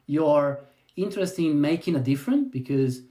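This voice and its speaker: A man hosting a podcast, reading a polished introduction in a measured way and then asking interview questions. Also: fairly high pitch, big pitch swings, dark tone. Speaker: podcast host.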